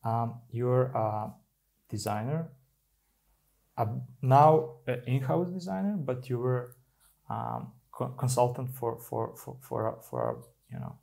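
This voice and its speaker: Gravelly podcast host, halting speech. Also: male voice, mid-range voice, very animated, darkish tone. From Serbia. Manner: halting, many restarts. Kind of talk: casual interview talk.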